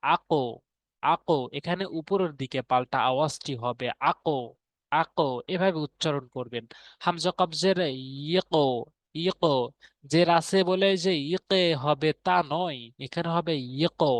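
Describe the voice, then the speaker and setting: A man gives an online tajweed lesson in a fairly high voice, recorded dry and close at a computer desk. He addresses viewers as brothers and sisters and patiently says each letter sound again and again. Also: moderate pace, no echo. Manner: patient, repeats each sound example several times. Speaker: Quran recitation teacher.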